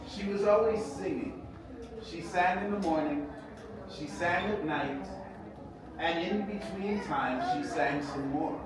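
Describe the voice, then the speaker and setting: A man, the book's author, reads his own children's story aloud in a measured, expressive storytelling style, with sung hymn passages included. His voice is a little high. The echoey indoor event space and distant mic leave clear background noise.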